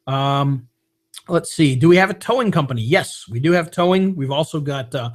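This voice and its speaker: A man hosting a live webinar, pitching a membership and answering viewer questions in a casual, upbeat way. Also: lively intonation. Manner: casual, upbeat, with fillers and quick jokes. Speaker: webinar host.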